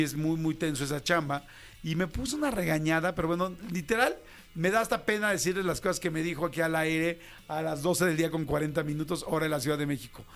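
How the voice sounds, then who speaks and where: A man's voice: on the high side, creaky, a bit bright. A Mexican man in his fifties, a radio host animatedly telling a slangy story about his first job and acting out the voices in it. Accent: Mexican Spanish. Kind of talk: casual storytelling.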